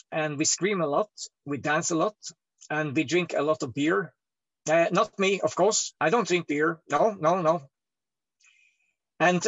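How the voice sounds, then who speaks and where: Loud man, dull dry sound. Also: husky, no room sound. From Northern Scandinavia. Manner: speaks loud toward a distant mic, broken English, swings between deep and high. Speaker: healer interviewee. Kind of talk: rambling interview monologue. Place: lying down indoors. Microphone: microphone set away from his head.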